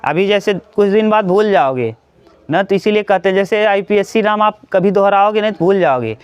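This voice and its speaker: A man teaching an English grammar class to students, talking straight to them and repeating each example slowly. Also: high voice, clean tone, dry recording.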